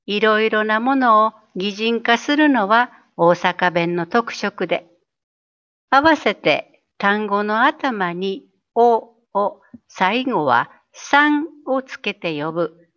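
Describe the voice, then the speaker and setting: Woman reading an essay real slow and lively, kinda high voice, dull lo-fi sound. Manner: gentle, unhurried reading that acts out dialect phrases.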